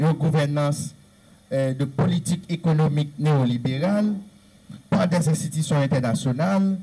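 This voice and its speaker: A man's voice: a little high, normal speed, dark tone, low-quality recording. A man with a Haitian Creole accent giving an earnest lecture-style talk, stressing his points through repeated lists. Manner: earnest, repetitive, emphatic listing. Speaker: speaker on Haitian history.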